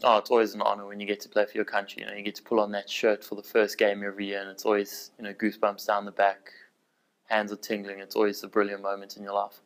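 Man, late 20s, South African accent, enthusiastic, fairly low, monotone. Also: fast talker, low-quality recording. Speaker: ice hockey goalie. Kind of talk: interview answers.

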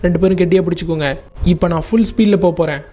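A man's voice: sits high, very fast, warm tone, close to an everyday voice. A man playing an easygoing game hero. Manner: plain, instructive, addressing viewers. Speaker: gameplay video narrator. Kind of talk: Tamil gameplay narration.

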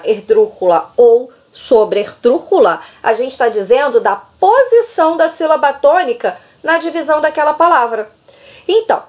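A woman's voice: on the high side, a little mellow. A woman from Brazil whose first language is Portuguese, teaching a recorded class and explaining step by step, often checking in with the students. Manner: explanatory, repeats points with "tá?" checks. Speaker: Spanish teacher. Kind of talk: recorded online class lecture.

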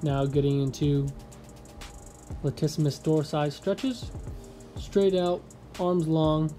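A man's voice: fairly high pitch, slow, soft background music. A young man vlogging casually from his apartment, talking through a stretching routine and joking while he makes a sandwich. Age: young adult. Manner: relaxed, joking, easygoing. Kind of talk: casual vlog and stretching instruction. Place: small apartment room, indoors.

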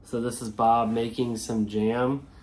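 A woman's voice: very deep voice, level tone, measured pace, a little mellow, slight background noise. A young woman chatting casually as a travel vlogger, easygoing and matter-of-fact while opening toys in a hotel room. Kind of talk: casual chat.

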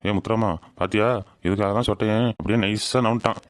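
Crafty farmhand, man voicing, low, very fast, dry close sound. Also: level tone, over loud music, lightly acted. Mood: cheeky. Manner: rapid, cheeky, argumentative. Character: crafty male village farmhand, feigns anger. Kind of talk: village comedy skit.

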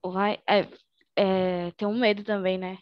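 A woman's voice: mid-range voice, little pitch movement, a little slow. A woman student with a Brazilian Portuguese accent, chatting in an online class. She talks hesitantly, with many fillers and small laughs, and her voice comes through a dull, muffled video call line. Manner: hesitant, lots of fillers, giggly. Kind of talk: casual chat in class.

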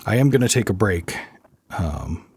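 Sounding tired and unwell, a man on an art channel narrates his drawing in a casual, soft-spoken ramble. His low, raspy voice has a sing-song quality and a moderate pace, with no room sound in the recording.

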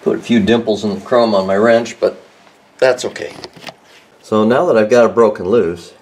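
A man with a fairly low voice talks through a garage repair job in a relaxed, meandering way. He pauses with ums and restarts his sentences, like someone thinking aloud as he works. The sound comes from a handheld phone held close, under a car. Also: a little hiss or hum. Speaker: home mechanic host. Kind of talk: casual how-to demonstration.

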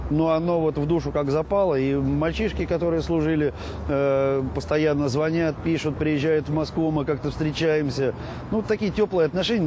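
A middle-aged man talks casually and reflectively in an outdoor interview. His voice is fairly high, picked up on a lapel mic with clear city noise around it. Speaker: reserve border guard officer being interviewed. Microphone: clip-on lapel mic.

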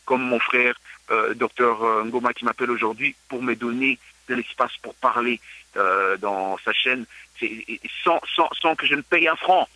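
A man's voice: medium pitch, normal speed, bright, forceful tone, dry recording, low-quality recording. A man from Congo speaking earnestly as a radio guest and repeating words as he searches for them. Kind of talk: interview answers.

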